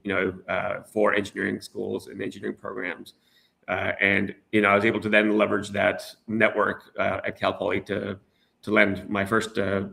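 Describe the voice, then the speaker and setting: A man's voice: lowish voice, gravelly, fairly bright tone. A middle-aged man from the United States, talking as a guest in a casual interview, hesitant with many restarts and fillers.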